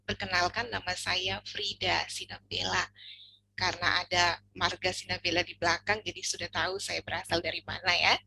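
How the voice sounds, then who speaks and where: A woman's voice: on the low side, level tone, normal speed, creaky, pushed and bright, a little hiss or hum, poor audio. A woman from North Sumatra, a children's ministry trainer, introducing herself in a friendly, joking, conversational way at an online workshop. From North Sumatra, Indonesia.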